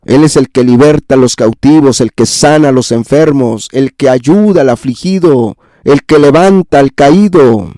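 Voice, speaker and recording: A man's voice: medium pitch, normal speed, hardly any pauses, mellow, no room sound. A man preaching a sermon as pastor, addressing the congregation as brother and sister and building repetitive lists into impassioned pleas.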